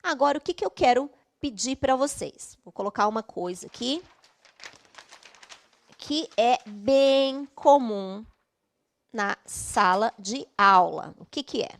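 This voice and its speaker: A woman's voice: fairly high pitch, expressive, slow pace, vocal fry. A woman with a Brazilian Portuguese accent teaching an online English class, explaining patiently step by step and checking in often.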